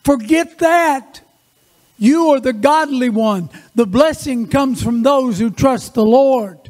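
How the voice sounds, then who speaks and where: A male preacher giving a sermon in church, telling Bible stories in a lively, folksy way with joking asides. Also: very high-pitched, takes it slowly. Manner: animated, folksy storytelling with asides. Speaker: guest preacher.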